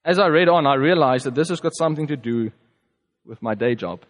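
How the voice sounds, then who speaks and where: In a big-room sound, a South African preacher who natively speaks Afrikaans offers a reflective personal testimony. His mid-range voice is expressive, while his conversational delivery halts and leans on fillers.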